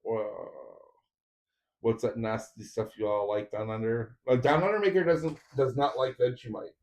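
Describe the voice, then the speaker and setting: A man's voice: medium pitch, fairly even intonation, normal speed, a little mellow. A man streaming a 3D printer build, chatting casually with viewers while he assembles parts. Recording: roomy echo.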